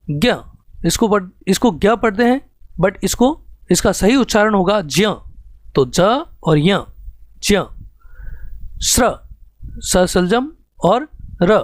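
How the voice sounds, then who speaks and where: A man's voice: high voice, no echo. A man teaching an exam-prep grammar lesson, explaining step by step and reading out examples one at a time.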